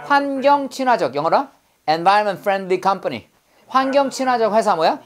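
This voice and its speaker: A woman's voice: mid-range voice, expressive, measured pace. A woman teaching English vocabulary in class, drilling students with call-and-repeat prompts and playful memory tricks.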